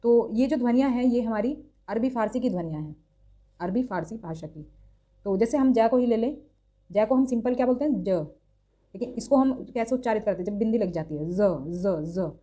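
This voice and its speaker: Mellow-voiced woman teaching grammar. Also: fairly high pitch, lively intonation, brisk. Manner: explanatory, repeats sounds aloud, mixes in English terms. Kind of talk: exam-prep grammar lesson.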